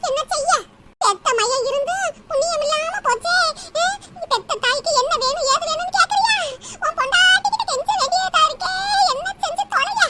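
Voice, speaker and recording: A woman's voice: very high-pitched, normal speed. A woman voicing a grumbling elderly village grandmother in a cartoon comedy, scolding and full of self-pity. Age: older. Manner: scolding, self-pitying complaints. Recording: loud background hiss.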